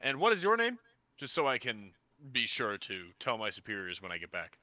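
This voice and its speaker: A stern male Legion officer barks clipped, officious questions, as a man puts him on. The voice is low, bright and forceful. The dry, dull audio sounds like lo-fi stream sound. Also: wildly swooping pitch, fairly quick, no room sound, heavily acted.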